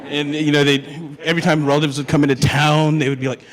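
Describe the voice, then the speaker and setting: A man's voice: a little high, level tone, fast. Joking young man in a reverberant hall. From Hawaii. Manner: joking, chatty, asks the audience questions. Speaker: student speaker. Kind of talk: humorous personal storytelling talk.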